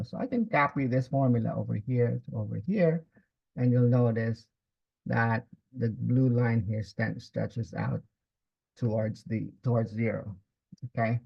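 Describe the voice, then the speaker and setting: A man with a creaky, mid-range voice teaches a step-by-step spreadsheet tutorial, dictating formulas piece by piece and checking in with learners. It's a screen-recorded lesson at a computer, and the audio is slightly dull and muffled.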